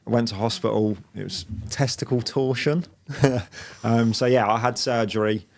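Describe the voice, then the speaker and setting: Medium-pitched and moderately paced, this man in his late twenties is a business-owner guest in a casual interview. He sounds relaxed and rambles, with plenty of fillers and restarts.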